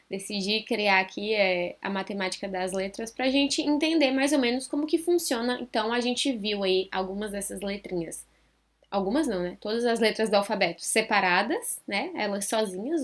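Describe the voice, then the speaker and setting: A woman with a Brazilian Portuguese accent teaching a French lesson online. She repeats each sound slowly and clearly for learners and keeps checking in with the viewer. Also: fairly high pitch, a bit bright. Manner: chatty, with frequent check-ins to the viewer.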